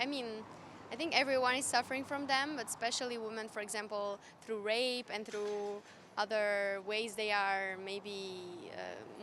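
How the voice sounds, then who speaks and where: Young woman from portugal on the street, thinks out loud, bit of faint noise around. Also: on the high side. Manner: thoughtful, halting. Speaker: interviewee. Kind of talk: street interview. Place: outdoors on a city street.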